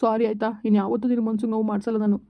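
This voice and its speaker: A woman's voice: on the high side, flat delivery, very fast, lo-fi sound, close to an everyday voice. A woman acting a young husband in a homemade village drama, talking in a reassuring, coaxing way.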